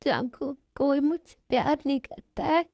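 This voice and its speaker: A woman's voice: fairly high pitch, measured pace, darkish tone, no echo, clean studio sound, close to an everyday voice. A woman voicing a heartbroken young woman in an amateur dubbed love story, weepy and pleading. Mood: tearful.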